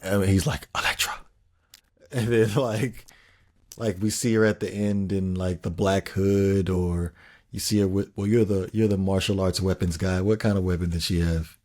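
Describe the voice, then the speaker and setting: A man's voice: deep voice, steady tone, normal speed, warm tone. A man co-hosting a casual fan podcast, laid-back and a bit hesitant, putting questions to his partner. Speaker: podcast co-host.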